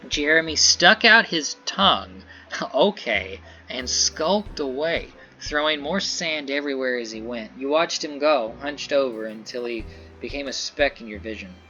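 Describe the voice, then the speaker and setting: A man's voice: medium pitch, expressive, measured pace, bright, forceful tone, dull audio, faint music behind. A man playing through a visual novel, reading the narration aloud and adding casual comments on his choices. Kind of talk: story game playthrough with commentary.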